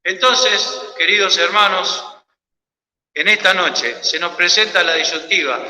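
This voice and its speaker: A man with an Argentine Spanish accent preaches with fervor, his voice high and piercingly bright. He swings between loud cries and near-whispered pleading. The sound carries the roomy, long reverb of a church hall. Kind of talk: sermon.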